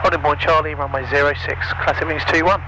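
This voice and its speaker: A man's voice: a little high, fairly even intonation, quick pace. A man speaking through a cockpit headset intercom, making clipped radio calls to air traffic control as a student pilot. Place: small plane cockpit. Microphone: aviation headset.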